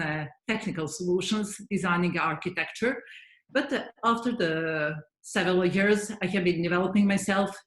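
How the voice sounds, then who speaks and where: A Serbian-accented woman in her forties talks through her career as an interview guest. She is earnest and thoughtful, pausing often to find her words, at a medium pitch. The room around her rings with a noticeable echo. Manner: earnest, thoughtful, frequent hesitations. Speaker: guest, head of software development. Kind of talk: interview answers.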